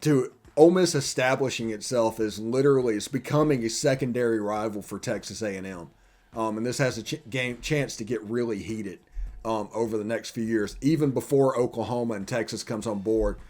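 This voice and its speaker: A man's voice: medium pitch, brisk, a little mellow. A man hosting a college football podcast in casual chat, joking with loose run-on sentences. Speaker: podcast host.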